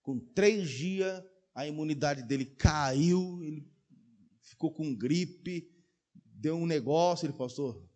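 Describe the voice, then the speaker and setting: A man preaching a sermon as pastor, telling stories and acting out dialogue, swinging from quiet asides to loud exclaimed peaks. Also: on the high side, takes it slowly. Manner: acts out dialogue in quoted voices. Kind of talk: sermon with storytelling.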